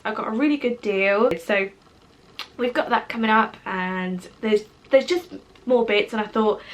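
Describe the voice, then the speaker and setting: A woman in her twenties with a British accent, chatting casually to camera as a vlogger, rambling and full of fillers. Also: fairly high pitch. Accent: British English. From Portugal. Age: 20s.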